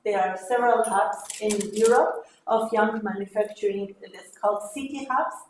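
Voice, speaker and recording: Woman presenting in an echoey hall. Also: medium pitch. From Armenia. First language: Armenian. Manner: friendly, laughing, halting with fillers. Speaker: project manager presenting. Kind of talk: conference presentation. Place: conference hall. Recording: echoey hall with faint noise.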